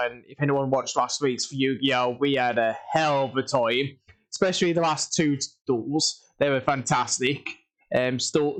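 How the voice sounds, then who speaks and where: A young man hosting a casual livestream, tired after a workday, rambling with many ums, restarts and repeated stock phrases. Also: medium pitch. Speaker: streamer.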